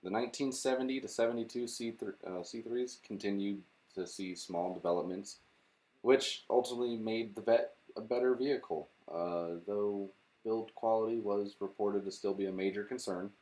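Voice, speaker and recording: Low-voiced young dude on a podcast, laid back, lots of ums, reads car facts off notes. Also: male voice, normal speed, mellow. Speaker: podcast co-host. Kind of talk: casual chat.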